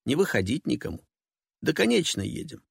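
A man playing a laconic minibus driver who answers everything curtly and without concern. The voice is gravelly and middle-pitched, and the sound is dry and close. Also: fairly quick, no echo, heavily acted. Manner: curt, flat replies.

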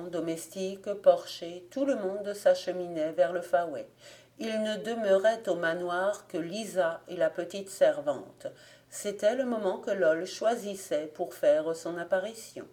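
Reading from a script, a woman narrates a folk tale for an audiobook. She speaks low, steady, and unhurried, keeping a calm, measured rhythm.

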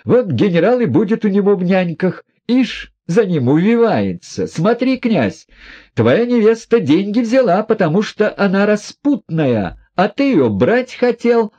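A man's voice: sits high, sing-song, a little slow, mellow, husky, muffled recording, pitched above the performer's own voice, exaggerated voice. A man reading an audiobook, voicing a proud, reckless young woman who talks in a mocking, defiant way. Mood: defiant scornful.

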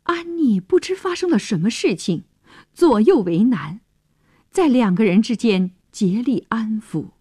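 A woman's voice: fairly high pitch, expressive, a little slow, dark tone, slightly rough, dry recording. A woman telling a story on the radio, narrating expressively and dramatically in a studio.

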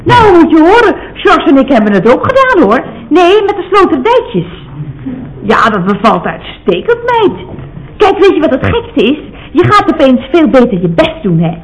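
A woman's voice: high-pitched, sing-song, moderate pace, rough recording. A woman playing a chatty, gossipy office secretary in a radio comedy sketch, peppering her talk with little tag questions.

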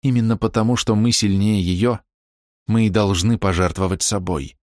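A man's voice: lowish voice, fairly even intonation, moderate pace, a little mellow, no echo, clean studio sound, lightly acted. A man reading aloud and voicing an anguished young woman torn by forbidden love, in a raised, pleading voice. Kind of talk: audiobook character reading.

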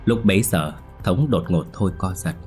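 A man narrating a horror story in a steady, dramatic storytelling voice. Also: sits low, normal speed. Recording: soft music bed.

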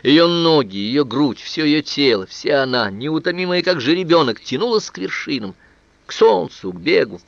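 A man narrating a literary novel as an audiobook reader, in a calm, measured, expressive manner. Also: on the high side, gravelly, no room sound. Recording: dull, dry, lo-fi studio recording.

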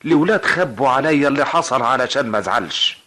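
A man playing an older, weary and gentle uncle in a vintage radio drama, speaking slowly with sighs. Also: medium pitch, animated. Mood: kindly. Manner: slow, kindly, sighing. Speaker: visiting uncle.

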